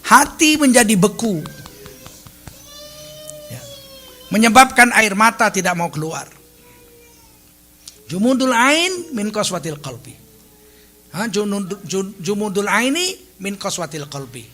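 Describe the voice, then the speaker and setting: A male preacher with a high, bright, ringing voice delivers a lively sermon. He shifts between earnest teaching and playful humor, now and then acting out short voices. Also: slow, pauses often, faint music behind. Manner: animated, humorous, acts out little quoted voices. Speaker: Islamic preacher.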